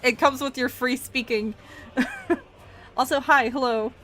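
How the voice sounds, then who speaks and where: With a high, bright, forceful voice and fairly even intonation, a woman streams at a measured pace over background music. Originally from Edinburgh, Scotland, she has a Canadian-leaning mixed North American accent and chats in a casual, giggly way.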